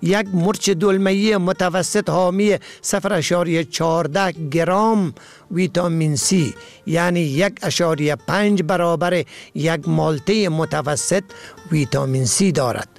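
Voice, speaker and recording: A man with an Afghan Dari accent reading a scripted radio program, slow and careful, spelling words out letter by letter. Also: a little high, gravelly, soft background music. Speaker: radio presenter.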